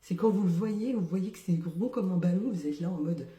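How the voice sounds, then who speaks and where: A social media creator from metropolitan France jokes slowly in a casual monologue to camera, her voice low and dark-toned. She's ironic, laughs often and drops into whispered asides, all in an echoey room.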